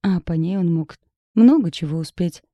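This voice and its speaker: A woman voicing a brash, tipsy middle-aged female friend in an audiobook, loud and whiny. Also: fairly low pitch, moderate pace, dry recording, clean studio sound, lightly acted. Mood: tipsy complaining. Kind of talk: audiobook character voice.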